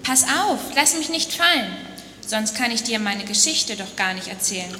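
A delicate porcelain box tells its own tale in a fairly high voice with pleading outcries, as a woman speaks it. The voice rings through a long church reverb in a roomy space. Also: expressive, normal speed, sharp tone. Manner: pleading cries of complaint. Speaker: speaker in a church dialogue sermon. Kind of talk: dramatic first-person storytelling.

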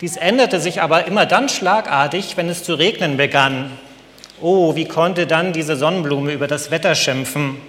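A man narrating a storybook tale in a gentle, measured way. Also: fairly high pitch, long reverb tail, slight background noise.

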